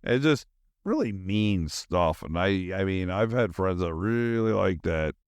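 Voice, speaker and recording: This is a casual, rambling solo podcast from a middle-aged host who thinks aloud in an enthusiastic, scattered, slang-filled manner. He has a low-pitched, smooth, expressive voice, speaks a little slowly, and is recorded dry.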